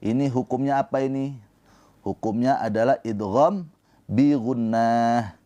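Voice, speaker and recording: A man teaching Quran recitation rules in a livestream lesson, explaining slowly and then chanting verses in a drawn-out melodic voice. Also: medium pitch, warm tone.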